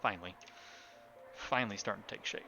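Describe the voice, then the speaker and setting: A man's voice: lowish voice, fast, vocal fry, highs cut off, loud music behind the voice. A man streaming a building game live, chatting casually to himself and his viewers as he builds. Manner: relaxed, talks to himself while building, chats with viewers.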